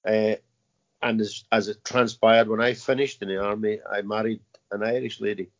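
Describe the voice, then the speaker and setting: A man in his fifties, an army veteran, answering interview questions in a halting way with many fillers and repeated words. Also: on the low side, level tone. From Scotland. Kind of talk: casual interview. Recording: muffled lo-fi audio.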